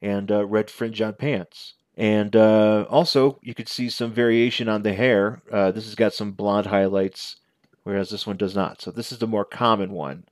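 A man in his forties giving a casual, unscripted show-and-tell commentary as a reviewer, halting and correcting himself as he goes. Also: fairly low pitch, fairly even intonation, no room sound, studio quality. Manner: halting, conversational, self-correcting. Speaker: toy reviewer. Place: small living room at home. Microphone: headset.

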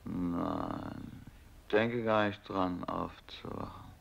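A man giving a dramatic reading of a stage play, speaking as a bitter, despairing soldier, often hushed and at times rising to anguished cries. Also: deep voice, steady tone, slow pace, creaky, highs cut off. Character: Beckmann, despairing war-returned man.

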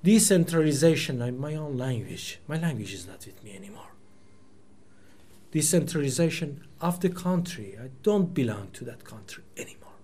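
This Iranian man in his forties, whose first language is Persian, lectures reflectively in a small meeting room through a table microphone. His mid-range voice is very animated, mellow and husky at a moderate pace, while he thoughtfully hunts for words amid many restarts and fillers.

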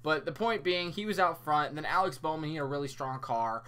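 A young man talks fast and breathlessly about a race he has just watched, his voice bright and forceful and pitched a little high. He keeps exclaiming, restarting sentences and stopping to catch his breath. It sounds like an eager video review for his own channel. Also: smooth. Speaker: YouTube motorsport reviewer. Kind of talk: excited post-race commentary.

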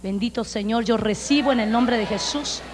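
A woman's voice: on the high side, normal speed, noisy background. A woman pastor with a Honduran accent, preaching a sermon emphatically to a congregation. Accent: Honduran Spanish. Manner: emphatic, preaching loudly with acted-out quotes. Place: church sanctuary. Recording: long reverb of a church hall.

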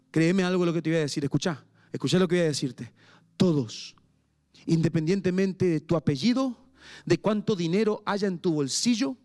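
In a high male voice, a Paraguayan-accented pastor delivers an impassioned sermon at a church service, alternating soft pleas with raised intensity.

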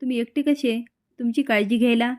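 A woman's voice: a little high, fairly even intonation, brisk, lightly acted. A woman voicing a loyal young woman who speaks firmly and defiantly. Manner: firm, defiant.

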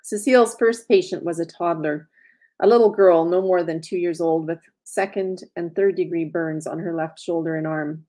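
Female author, measured storybook reading, mellow low voice. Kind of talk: reading her own story aloud.

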